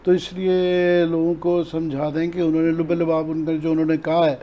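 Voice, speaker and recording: A man's voice: fairly high pitch, completely flat delivery, dull audio. A man with a Pakistani Urdu accent, explaining events earnestly as an analyst on a news talk show and mixing in English terms. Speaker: political analyst.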